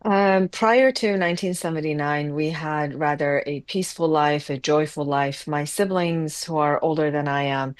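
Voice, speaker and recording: A woman in her fifties from Iran, an interview guest answering in a measured, polite way. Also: low-pitched, steady tone, smooth, no echo, clean studio sound. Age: 50s. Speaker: guest, humanitarian advocate.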